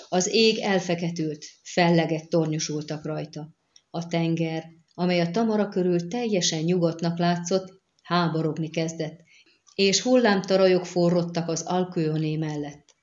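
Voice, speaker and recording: A woman narrates a fantasy novel in a measured storytelling manner with a low voice. The recording sounds dull and lo-fi, with the top end missing. It is a steady audiobook reading.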